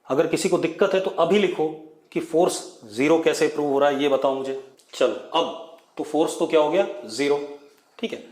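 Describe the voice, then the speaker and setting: A man's voice: fairly high pitch, normal speed, a little mellow, reverberant. A man teaching a physics class online, asking students questions and repeating key words as he writes. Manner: mixes Hindi with English dictation.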